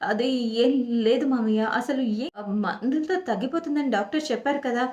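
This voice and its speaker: A woman's voice: sits high, brisk, a little mellow, natural voice. A woman voicing a worried young husband in a TV serial recap, strained and trying to reassure. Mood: strained, reassuring. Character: worried young husband hiding bad news. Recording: echoey room.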